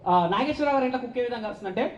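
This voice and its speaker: Male stand-up comic, quick delivery, muffled echoey hall sound. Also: very high voice, slight background noise. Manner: animated storytelling with voices and dog-bark impressions. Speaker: stand-up comedian and mimic. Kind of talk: stand-up comedy with mimicry.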